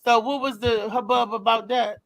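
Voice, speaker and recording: A man's voice: very high voice, fairly even intonation, moderate pace, gravelly, fairly bright tone, dry recording. A middle-aged man from Washington, D.C., co-hosting a casual group chat, stammering and repeating words as he builds his point.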